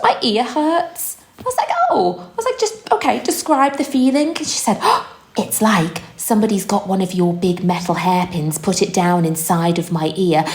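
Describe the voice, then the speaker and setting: A woman's voice: mid-range voice, slight background noise. A woman, hosting a comedic parenting podcast, chatty and self-mocking, often laughing. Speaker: podcast host. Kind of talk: casual comedic chat. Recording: echoey room.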